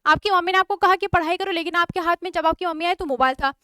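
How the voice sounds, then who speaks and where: A woman's voice: very high-pitched, fast, pushed and bright, no echo, studio quality. A woman with an Indian accent teaching a spoken English class online, explaining step by step and often checking whether everyone follows.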